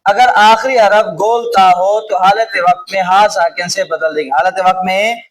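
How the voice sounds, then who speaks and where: A man with a Pakistani Urdu accent teaching a class on reading the Quran. He slowly repeats words over and over, quizzes his students, and sometimes calls out loudly. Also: sits high, fairly even intonation. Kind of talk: classroom lesson on Quranic recitation rules. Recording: distant mic with clear background noise.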